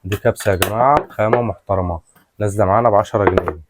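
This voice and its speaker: Man, Egyptian accent, rapid casual sales patter, repetitive product walkthrough, clearly noisy recording with crinkling and clicks. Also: lowish voice. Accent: Egyptian Arabic. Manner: repetitive, colloquial patter addressing customers. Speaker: shop seller, product presenter. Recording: clearly noisy, rustling and clicking handling sounds.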